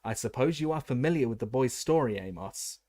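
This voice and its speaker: A man's voice: mid-range voice, lively intonation, brisk, darkish tone, no echo, studio quality, natural voice. A man doing a coldly furious senior official. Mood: cold anger. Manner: icy, clipped, indignant. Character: cold, furious senior male ministry official.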